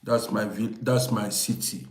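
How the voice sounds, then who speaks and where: In an echoey room, a Viennese livestream host and storyteller, aged fifty-eight, addresses his viewers with emphasis, repeating phrases insistently. The pitch is fairly low, the intonation fairly even, and the pace measured.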